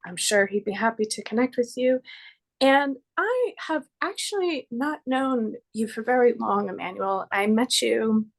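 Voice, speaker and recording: A woman's voice: a little high, expressive, measured pace, vocal fry. Friendly, giggly woman interviewer. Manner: friendly, giggly, introduces guest in prepared lines. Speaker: interview host, body care practitioner. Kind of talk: casual interview over video call. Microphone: computer microphone.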